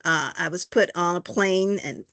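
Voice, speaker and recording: An older woman from Arkansas, answering in a halting, folksy way with many fillers. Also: on the low side, a bit bright, no room sound. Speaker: interviewee, church member. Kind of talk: casual conversation.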